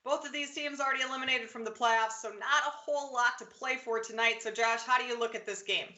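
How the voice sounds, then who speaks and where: A woman's voice: fairly high pitch, steady tone, pushed and bright. Sarcastic woman host in an echoey room. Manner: dry, sarcastic, brisk. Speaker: show host. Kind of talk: casual betting preview chat.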